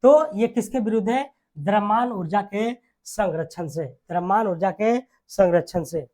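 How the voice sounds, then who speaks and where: A teacher delivers an exam lesson, drilling each answer by saying it twice. Short rhetorical questions and tags keep checking on the listener. The pitch sits in a middle range. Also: normal speed, dark tone. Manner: repeats key words, quizzes with "है ना" tags. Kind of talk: classroom-style exam lesson.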